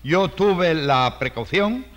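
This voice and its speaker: A pompous, flowery shopkeeper. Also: male voice, a little high, lively intonation, takes it slowly, fairly bright tone. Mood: smug. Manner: ornate, fawning. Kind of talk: 1940s radio comedy acting. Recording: reverberant old radio recording.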